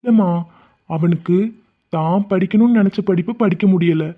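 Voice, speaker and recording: A man voicing a calm older brother and groom who teases dryly. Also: high voice, normal speed. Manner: calm, dry teasing. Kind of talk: Tamil cartoon voice acting. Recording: tinny phone-like lo-fi audio.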